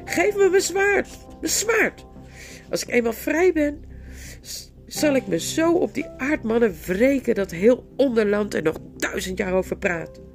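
A woman voicing an enchanted young male knight who begs and pleads, breaking into frantic shouts. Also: on the high side, lively intonation, a little slow, faint music behind, voice pushed up. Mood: raging.

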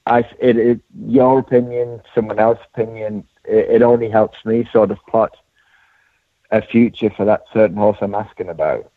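A man's voice: on the low side, steady tone, normal speed, dry recording. English man with a Durham accent, phone-like sound. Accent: Durham, north-east England. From Durham, England. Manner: modest, self-deprecating. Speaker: racehorse trainer, interview guest. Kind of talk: conversational interview. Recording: phone-like, radio-style sound.

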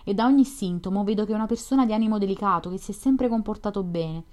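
A woman's voice: medium pitch, fast, darkish tone, pitched above the performer's own voice, lightly acted. An eager, earnest young dreamer from a storybook, as a woman reads him aloud. He talks fervently and persuasively, in a voice raised a little above her plain reading.

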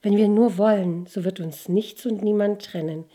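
A woman's voice: mid-range voice, fairly even intonation, normal speed, warm tone, husky, close to an everyday voice. A woman voicing a handsome young nobleman in a fairy tale, who speaks earnestly and tenderly.

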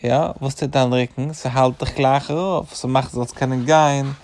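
A man's voice: medium pitch, fairly even intonation, normal speed, darkish tone. A middle-aged man, a rabbi, patiently explaining to a child and listing things with devout, repeated thanks.

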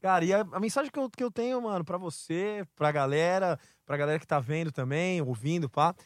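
A man's voice: on the high side, fairly quick, no echo, studio quality. A man with a São Paulo Brazilian accent chatting casually as a podcast guest, in heavy urban street slang. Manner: heavy urban street slang, peppered with bro-type address words. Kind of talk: casual chat.

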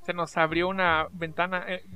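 A man's voice: high-pitched, little pitch movement, normal speed, pushed and bright, soft background music. Rambling Guatemalan man, joking. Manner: rambling, self-interrupting, joking. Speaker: podcast co-host. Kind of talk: casual chat.

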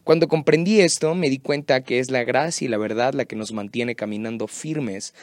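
A man's voice: medium pitch, normal speed, no room sound. A man giving a devotional sermon in a conversational way, often asking the listener questions. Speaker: youth preacher.

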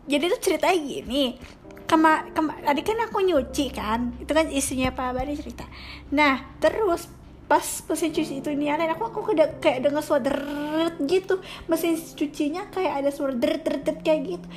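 A woman's voice: sits high, brisk. A woman telling a story in a casual, chatty way with fillers and asides.

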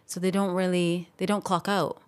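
A young adult woman talks through her story as a podcast guest. Her voice sits low for a woman, and she speaks in a relaxed, reflective way. When feelings rise she eases off with a small laugh. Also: moderate pace. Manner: reflective, gets emotional and laughs it off. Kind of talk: casual interview talk.

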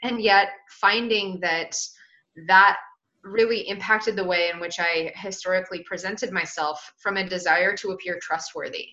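Thirties woman, healing practitioner, reflective and bright-toned, dull lo-fi recording. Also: medium pitch, fairly even intonation, moderate pace. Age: 30s. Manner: reflective, searching for words. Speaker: business owner in a healing practice. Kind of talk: casual chat. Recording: dull lo-fi sound.

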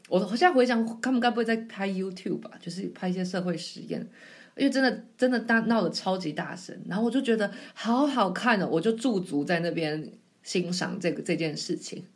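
A woman, chatting on her own podcast in a rambling, self-mocking way. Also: lowish voice. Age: 20s. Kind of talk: casual solo storytelling.

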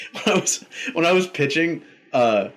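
A man's voice: fairly high pitch, lively intonation, measured pace, a bit bright. Laid-back young guy, chatty and giggly. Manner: laughs often, rambling with fillers. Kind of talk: casual chat.

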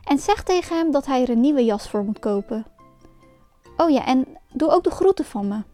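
A woman voicing a gruff, frightening male puppet master who barks orders. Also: high voice, lively intonation, normal speed, soft background music. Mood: kindly. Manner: bossy, shouting.

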